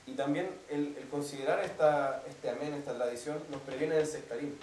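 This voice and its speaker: A man preaching a teaching sermon, his voice a touch high and carried from afar across a reverberant church hall. He lays out doctrine patiently, pausing again and again to ask whether his listeners follow. A faint hum of the room sits beneath his words. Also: steady tone, darkish tone. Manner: explanatory, keeps asking "¿cierto?" to the congregation. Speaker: pastor. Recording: echoey hall, mic at a distance.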